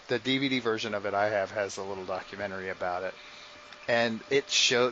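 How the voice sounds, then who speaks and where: A man's voice: mid-range voice, bright, forceful tone, lo-fi sound, slight background noise. A man co-hosting a podcast, talking casually in a rambling way with frequent restarts. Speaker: podcast co-host. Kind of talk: casual chat.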